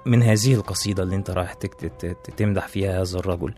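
A man's voice: deep voice, fairly even intonation, racing, warm tone, soft background music, pitched below the performer's own voice, lightly acted. A man voicing a mysterious, insistent old man, speaking casually with an Egyptian accent. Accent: Egyptian Arabic.

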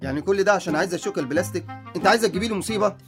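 A man's voice: high-pitched, rapid-fire, fairly bright tone, faint music behind. A man playing an irritable, withdrawn young man. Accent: Egyptian. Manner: irritable, mocking.

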